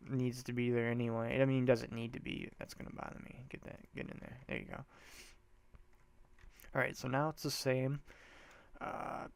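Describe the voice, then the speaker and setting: A man with a stuffy nose hosts a casual let's-play of a building game, rambling and thinking aloud, often trailing off before picking back up, all in a laid-back, slangy way. His medium-pitched voice is gravelly yet clear and resonant, delivered flatly at a moderate pace with frequent pauses and no room sound.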